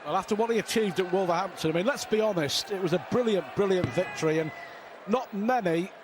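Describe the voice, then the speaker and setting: A man's voice: high-pitched, fast. A man giving live darts commentary in an emphatic way, repeating phrases for effect. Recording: clear venue noise behind the voice.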